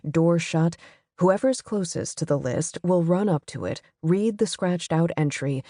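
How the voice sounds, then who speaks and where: A woman narrating an audiobook in the first person with a measured, even storytelling delivery on a close studio microphone. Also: sits low, dry recording.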